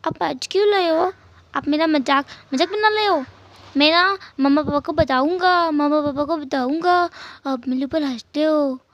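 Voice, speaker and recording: Woman doing a high, chattering little boy. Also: dry recording, close to an everyday voice. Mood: sulky. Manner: stumbling over words, halting searches.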